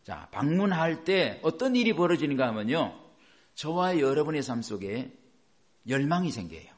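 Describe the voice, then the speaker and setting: A middle-aged pastor delivers a sermon with a lively, swinging pitch. He keeps putting questions to the congregation and then answers them himself. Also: normal speed.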